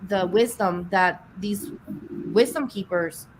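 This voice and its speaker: A woman's voice: mid-range voice, low-quality recording. Woman from venezuela musing in a group chat, lots of restarts, faint hiss behind. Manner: halting, restarts often, reflective. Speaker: chat participant.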